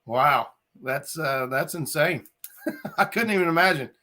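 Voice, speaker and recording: A man's voice: fairly high pitch, expressive, a little slow, bright, forceful tone. A man hosting a casual fishing chat show, talking in a friendly, filler-heavy way and greeting viewers by name. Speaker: podcast host.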